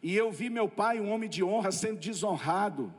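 Brazilian male preacher, high voice, comic storyteller, echoing church hall. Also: moderate pace. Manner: lively storytelling with comic asides. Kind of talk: humorous testimony sermon.

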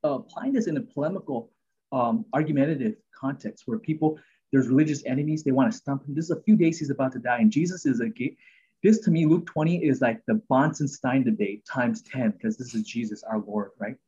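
A man's voice: mid-range voice, a little fast, mellow, slightly rough, highs cut off. A man hosting a podcast, talking through Bible passages in an earnest, rambling way with many fillers and restarts. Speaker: podcast host. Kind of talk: casual Bible teaching chat.

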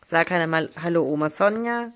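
A mother with a lower voice chats casually on a home podcast. She keeps nudging a child along with encouraging prompts and questions. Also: normal speed, noisy background. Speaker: mother co-hosting a family podcast. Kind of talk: casual family chat.

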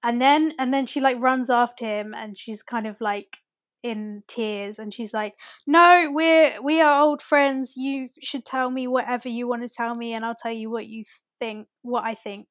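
A woman with a fairly high voice retells film scenes in casual chat, using "like" constantly. The sound is dry and close, with no room echo. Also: steady tone, normal speed, lo-fi sound. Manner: chatty, heavy use of "like", retells scenes.

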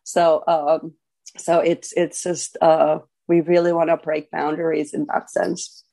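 A woman's voice: sits low, flat delivery, measured pace, vocal fry, warm tone. A woman, a guest talking earnestly in a casual interview, with many fillers and restarts. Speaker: podcast guest, author.

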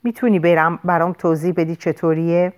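A woman voicing a firm, steady female paramedic giving urgent orders, in an audiobook. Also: fairly low pitch, close to an everyday voice.

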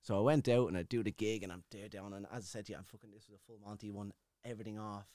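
A man's voice: fairly low pitch, fairly even intonation, rapid-fire, dark tone, no echo, studio quality. Swearing Irish man telling stories. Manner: rambling, swears freely, restarts sentences. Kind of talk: casual chat.

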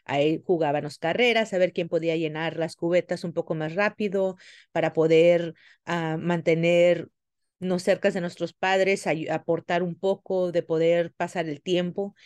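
Woman from south texas in a podcast interview, low voice, stops and restarts a lot. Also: darkish tone, dry recording, studio quality. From South Texas, US border. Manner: hesitant, many fillers and restarts. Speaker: guest, farmworker advocate. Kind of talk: podcast interview, personal story.

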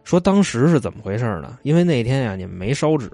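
A man's voice: medium pitch, big pitch swings, fast, dark tone, soft background music. Chatty man telling stories. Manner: chatty, retells stories with loose asides. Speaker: storyteller. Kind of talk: casual storytelling chat.

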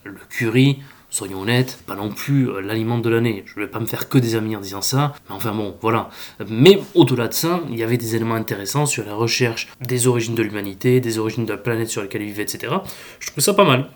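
A man's voice: lowish voice, quick pace. A man hosting a podcast, reviewing books in a casual, hesitant way with frequent filler sounds. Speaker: manga podcast host.

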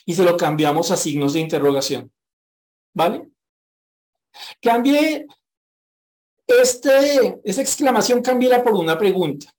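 A man preaching a sermon who reads scripture aloud and then explains it frankly, slowing down to repeat a verse with rising emphasis. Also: high voice, big pitch swings, a little mellow.

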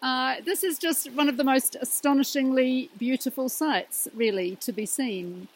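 A woman talking earnestly and reflectively to a laptop outdoors beside a rushing river. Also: high voice, poor audio. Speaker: student presenter of a video reflection. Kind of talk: informal talk to camera with quotes and prayer. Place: outdoors in snowy woods beside a rushing mountain stream. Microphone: laptop microphone. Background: rushing river water and birds.

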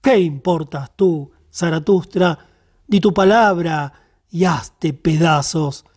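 A man voicing a stern, voiceless spirit of the silent hour in an audiobook, speaking slowly and solemnly. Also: on the high side, darkish tone, no room sound, clean studio sound. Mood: stern, admonishing.

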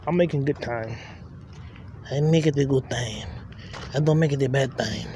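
A young man with a mellow, medium-pitched voice hosts a podcast at a moderate pace, rambling and joking to himself in a loose solo monologue. He's walking along city streets, recording on his phone, with traffic noise behind him.

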